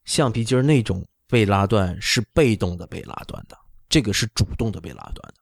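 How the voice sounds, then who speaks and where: Gravelly, lowish and animated, a middle-aged man talks briskly through a casual medical explanation as an orthopedic doctor on a talk show. He often asks "right?" along the way, and his first language is not Chinese. The sound is fairly dry, without echo.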